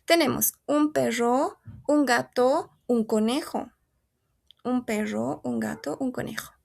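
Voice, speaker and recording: A woman's voice: on the high side, slow, vocal fry, darkish tone. A woman teaching a French lesson, patiently repeating and modelling each word. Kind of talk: language lesson.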